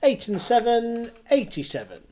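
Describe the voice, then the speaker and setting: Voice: mid-range voice, big pitch swings, moderate pace, darkish tone. A bingo caller calling numbers live, digit by digit with a rise, then the whole number with a fall. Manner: calls each number digit by digit, rising then falling, then repeats it whole. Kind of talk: live bingo calling in traditional singsong rhyming-call pattern.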